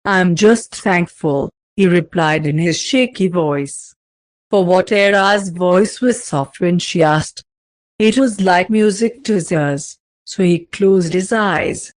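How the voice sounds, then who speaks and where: A woman narrating a fanfiction story aloud in a steady, even storytelling manner. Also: fairly low pitch, takes it slowly, no echo.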